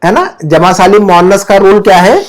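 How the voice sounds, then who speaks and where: A man's voice: high voice, big pitch swings, normal speed. A man teaching an Arabic grammar class from home, patiently drilling word endings and quizzing his students.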